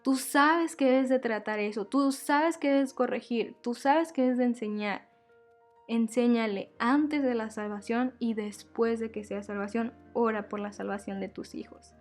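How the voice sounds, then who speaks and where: Woman, devotional teacher, earnest, repeats key points, fairly high voice, soft music behind. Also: measured pace. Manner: earnest, repeats key phrases, addresses listeners as sisters. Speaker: women's ministry teacher.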